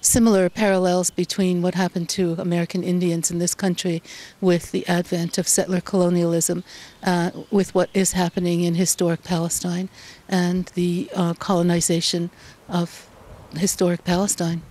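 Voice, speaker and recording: A woman from Canada speaks as an interviewed journalist, her voice mellow and a little low. She answers in a measured, thoughtful way, pausing often to find her words. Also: level tone. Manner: measured, thoughtful, frequent ums.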